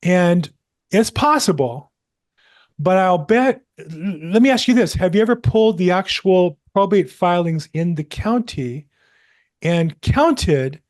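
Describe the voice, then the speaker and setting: Speaking slowly, a fairly high-voiced man leads real estate agents through a live probate coaching call over video. He stays animated and supportive, with self-mocking humor mixed in, all captured through a call microphone.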